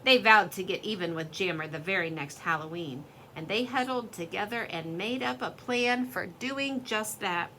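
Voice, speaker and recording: A woman reading a children's story aloud in an expressive, lively storytelling way. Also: medium pitch, moderate pace, hardly any pauses, a little hiss or hum.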